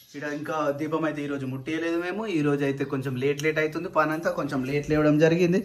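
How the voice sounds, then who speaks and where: A woman's voice: low voice, steady tone, rapid-fire. A woman vlogger, filming daily life at a village home and coaxing and scolding a small child. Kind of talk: casual home vlog.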